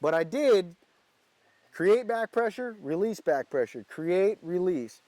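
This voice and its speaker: A man with a notably high voice works through a practical demonstration as a calling instructor. He explains in a casual, folksy way, step by step. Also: expressive, slow, dark tone, no room sound.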